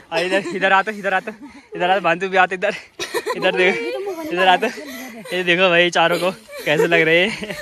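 Playful high-voiced man vlogging in village fields. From Uttarakhand, India. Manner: playful, teasing, loud bursts of excitement. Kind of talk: casual vlog chat. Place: outdoor village rice fields. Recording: outdoor field with crowd noise.

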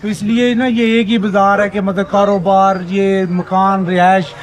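A man's voice: sits high, level tone, unhurried. A middle-aged local man explaining old neighborhood history in a casual, rambling way. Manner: rambling, repeats words.

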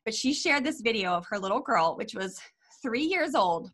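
A woman's voice: a little high, lively intonation, normal speed, a bit bright. A woman family life coach speaking in an interview, enthusiastic and telling long flowing stories. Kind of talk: interview conversation.

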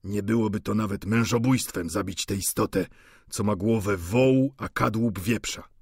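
A man reading an audiobook, voicing an aging, doting father who talks in a husky, pleading way. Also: darkish tone, no room sound, clean studio sound. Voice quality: husky, slow and low.

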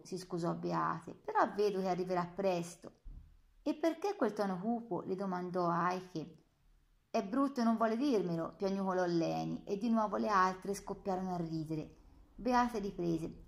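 A woman narrates a literary novel in first person. Her delivery is calm and measured, steady through description and dialogue. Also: mid-range voice, gravelly. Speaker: audiobook narrator.

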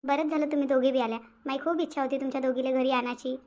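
A woman's voice: high voice, fairly even intonation, racing, darkish tone, slight background noise, close to an everyday voice. A woman voicing a fussing village mother. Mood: fond. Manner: fussing, insistent, repeats herself. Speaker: voice actor. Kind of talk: cartoon voice acting.

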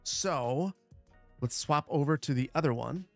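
A man with a boomy, bass-heavy sound on a close broadcast microphone, chatting casually and repeating short phrases as he hosts a gaming livestream. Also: a little slow, soft background music. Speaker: livestream host, gamer. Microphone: close broadcast dynamic microphone.

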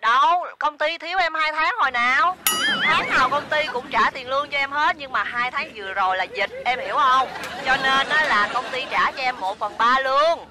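A woman's voice: sits high, normal speed, a crowd in the background, background noise. A woman acting as a boss in a comedy sketch, speaking evasively and condescendingly.

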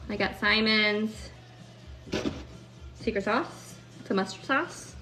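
A woman's voice: mid-range voice, slow, loud music behind the voice. A woman chatting casually on a live stream while cooking at home, upbeat and full of "like" and "um". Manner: chatty, upbeat, lots of fillers like "like" and "um". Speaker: food content creator.

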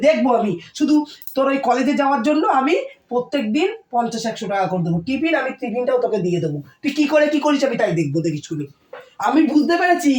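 A woman playing a strict middle-aged mother who nags and scolds her daughter, hoarse from a cold, with a Kolkata Bengali accent. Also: high voice, a little mellow. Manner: scolding, nagging, raised voice. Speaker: mother in a short family skit. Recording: echoey room, voice from far off.

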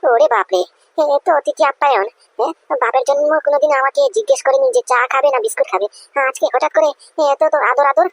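A woman's voice: sits high, lively intonation, quick pace, no echo. A woman voicing a humble, polite young man in a cartoon who stays suspicious. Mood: wary. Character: humble young man, the boss's son-in-law.

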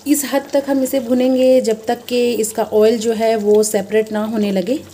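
Frying and sizzling come from the pan as this cooking channel host stands at her home stove, explaining each step and talking with viewers as friends. Her voice sits on the high side, warm but flat, at a measured pace, with slight background noise.

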